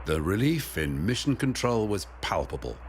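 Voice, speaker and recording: Low-voiced, animated male documentary narrator. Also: normal speed, slight background noise. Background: music.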